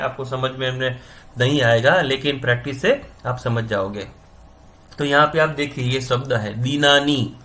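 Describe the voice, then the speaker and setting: Man teaching grammar, slow and patient. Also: mid-range voice, sharp tone. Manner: repeats sounds slowly, checks understanding with "समझ में आ रहा है ना?". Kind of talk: classroom-style explanation.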